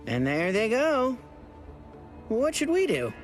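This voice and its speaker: Casting: silly fretful anime game companion, wildly animated high voice, drawn out. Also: male voice, takes it slowly, soft background music, heavily acted. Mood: fretful confusion. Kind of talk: anime game dub acting.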